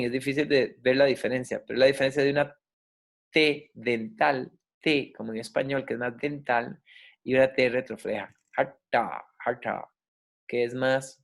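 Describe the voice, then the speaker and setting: A man gives a yoga class lecture at a middle pitch. He spells out Sanskrit words and repeats them slowly. He keeps checking in with his listeners. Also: creaky. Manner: checks in with listeners, asking ok and right. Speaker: yoga teacher.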